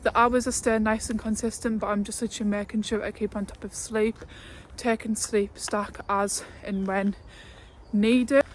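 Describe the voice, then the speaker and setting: Walking uphill and slightly out of breath, a twenty-year-old woman chats to camera for her fitness vlog, laughing and using fillers. She speaks at a moderate pace in a mid-range voice with little pitch movement. Her phone is held at arm's length, and there's a little hiss or hum.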